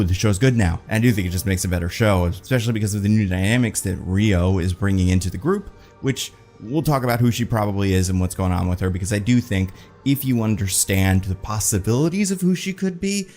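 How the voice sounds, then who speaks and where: A man with a fairly low voice talks through a TV episode in a loose, chatty review. He is animated and leans on "like" as a filler. Faint music sits underneath him. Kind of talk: casual review monologue.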